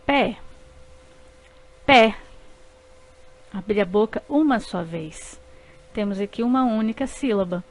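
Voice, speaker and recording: A woman's voice: mid-range voice, expressive, normal speed, darkish tone. A Brazilian woman narrating a scripted lesson, spelling words out syllable by syllable. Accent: Brazilian Portuguese.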